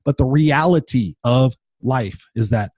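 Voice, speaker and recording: A man's voice: mid-range voice, unhurried, a little mellow, breathy edge. A man in his fifties hosting a motivational podcast, talking bluntly and with profanity in an unscripted monologue while tired and unwell. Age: 50s.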